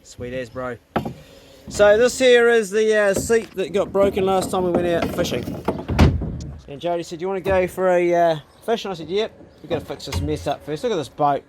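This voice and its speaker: A man's voice: sits high, fairly quick, background noise. A man with a broad New Zealand accent, chatting casually to camera as a vlog host in a laid-back, slangy, blokey way.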